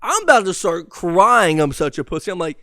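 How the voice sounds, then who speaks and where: Young male podcast host, high, smooth voice, dry close sound, profane, animated storyteller. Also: a little fast, dry recording. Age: 20s. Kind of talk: casual sports podcast storytelling.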